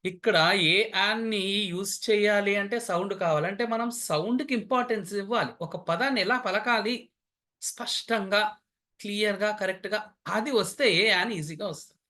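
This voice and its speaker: A man's voice: high-pitched, brisk, pushed and bright. A man, teaching an English grammar lesson, explaining step by step and repeating sounds.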